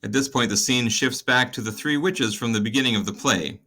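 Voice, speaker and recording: A man with a bright, forceful voice at a mid pitch, talking through a play summary. His delivery is casual and conversational, with wry asides to the listener. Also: a little fast.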